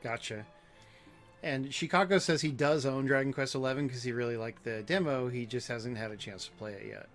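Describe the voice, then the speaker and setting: A man with a mid-pitched voice hosts a casual gameplay stream. He chats easily about what is on screen, with game music faintly behind him. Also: brisk. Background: video game music.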